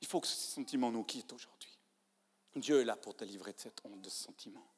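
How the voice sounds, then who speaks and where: A man preaching a sermon in a church, animated, acting out people's inner voices and swinging from hushed to loud. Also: medium pitch, fairly quick, husky. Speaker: pastor. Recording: church hall reverb.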